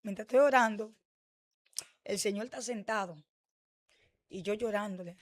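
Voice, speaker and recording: A woman's voice: mid-range voice, normal speed. A woman pastor with a Dominican accent, giving her testimony in an interview and acting out the dialogue she quotes. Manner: animated storytelling, acts out quoted dialogue.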